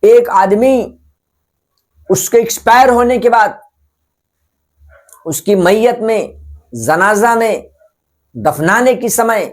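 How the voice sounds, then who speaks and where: A high-voiced man hosts a channel with spoken opinion commentary. He scolds, asks rhetorical questions, and repeats phrases for emphasis.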